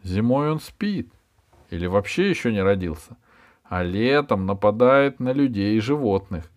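A man's voice: on the low side, lively intonation, moderate pace, lightly acted. A man reading aloud and voicing a proud, impatient young male biologist who lectures eagerly in a lifted voice. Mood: excited.

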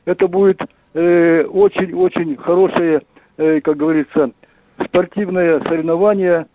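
Old guy calling in over a landline phone, high-ish voice, slow and halting, reading from old notes, line sounds thin. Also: fairly even intonation. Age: older. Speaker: caller. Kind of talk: call-in to live radio. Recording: tinny phone line with faint hiss.

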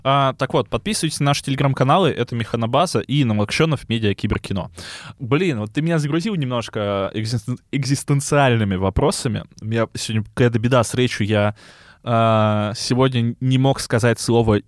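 A man's voice: mid-range voice, a little fast, no echo, clean studio sound. Male podcaster with burred R and slight lisp. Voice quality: burred R (rhotacism). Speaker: podcast co-host. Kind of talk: casual podcast chat.

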